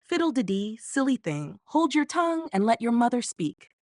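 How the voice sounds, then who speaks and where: A young maiden, voiced by a woman reading a storybook with a lifted, sing-song voice and a quick sharp tongue. The recording is close and dry. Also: fairly high pitch, sing-song, dry recording. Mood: snappish. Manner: sing-song, then scolding.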